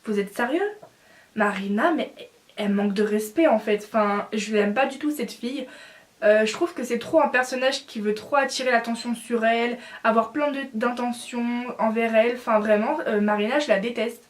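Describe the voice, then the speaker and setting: A woman's voice: on the high side, normal speed. A young woman in a casual opinion vlog, talking bluntly and with feeling, with many fillers. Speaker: vlogger.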